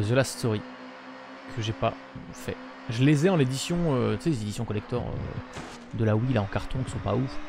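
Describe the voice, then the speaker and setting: Medium-pitched and creaky, this young man chats loosely on a live stream from his room in front of a webcam. He rambles with plenty of fillers, and the noisy stream carries game audio.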